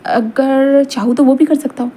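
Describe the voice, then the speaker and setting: A woman's voice: sits high, steady tone, normal speed, warm tone, lightly acted. A woman voicing a defiant, teasing young man.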